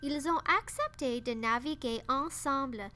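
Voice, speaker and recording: A woman reading a children's story aloud, slow and careful. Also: high-pitched, bright, forceful tone, a little hiss or hum. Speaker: narrator.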